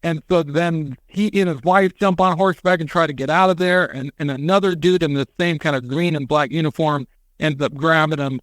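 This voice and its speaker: A man on a podcast, retelling a story in casual chat, animated and acting out quotes with casual swearing. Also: a little high, a little fast, no room sound. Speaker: podcast co-host.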